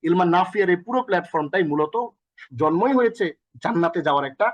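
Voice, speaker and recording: A man's voice: high-pitched, lively intonation, quick pace, no echo. A man teaching a recorded Arabic lesson with energy, often repeating himself and quizzing the listener, with a Bangladeshi accent.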